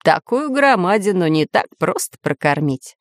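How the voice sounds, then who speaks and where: A woman's voice: fairly low pitch, big pitch swings, moderate pace, dry recording, clean studio sound. A woman doing a fussy professor. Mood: lecturing. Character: learned male geographer professor, fussy and alarmed.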